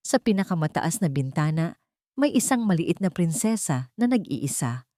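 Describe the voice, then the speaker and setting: A woman with a Filipino accent narrates a scripted dramatic story at a normal speed. Her voice sits on the low side with a dark tone and big pitch swings, and the studio recording is clean with no echo.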